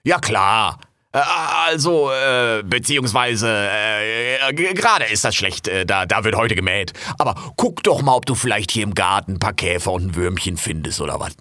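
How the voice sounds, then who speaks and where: Brash cursing male raccoon voiced by a man, very low and forceful, excitable audio-drama role. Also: fairly quick, dry recording, clean studio sound. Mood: evasive. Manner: loud, cursing, jumpy and excitable. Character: brash, foul-mouthed male raccoon garden worker.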